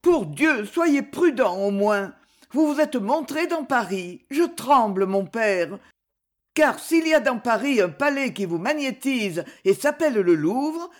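A woman's voice: a little high, sing-song, measured pace, pitched above the performer's own voice. A woman reading an audiobook, voicing a young noblewoman who speaks to her father in a raised, pleading, emotional tone. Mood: anxious. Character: young noblewoman, anxious and passionate daughter.

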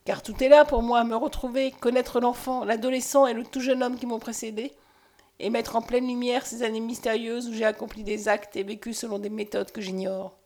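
Rich and earnest, a woman voices a tormented man searching for his forgotten past, pleading with quiet intensity. The voice sits a little high for a man, keeping the tone of a storybook reading. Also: flat delivery, a little fast, natural voice. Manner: earnest, impassioned. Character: haunted man with lost memory, pleading and intense.

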